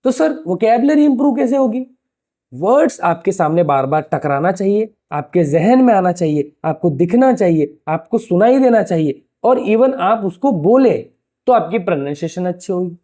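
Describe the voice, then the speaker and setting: A man teaching a lesson in a relaxed, chatty tutor's way, with a mellow, darkish voice. He keeps firing rhetorical questions and calls his listeners "brother" in a familiar tone. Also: sits high, moderate pace. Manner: talks to the viewer like a familiar tutor. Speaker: English teacher. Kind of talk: casual explanatory lesson to camera.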